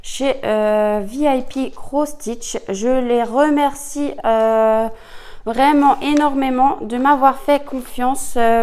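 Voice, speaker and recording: Woman, casual crafts vlogger; slow, slightly high voice, lots of fillers and hesitations. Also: clear, resonant tone. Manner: chatty, hesitant with many fillers, gushing over colours. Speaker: cross-stitch vlogger. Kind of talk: casual product unboxing chat.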